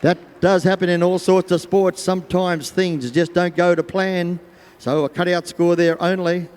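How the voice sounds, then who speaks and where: A man with an Australian accent announces live sport in a folksy, chatty manner. His voice sits a little high and rings with long reverb from the stadium loudspeakers. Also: steady tone, normal speed, clean tone. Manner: folksy, voices imagined thoughts of riders and animals. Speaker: arena announcer. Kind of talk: live sport commentary over public address. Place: large show arena over loudspeakers.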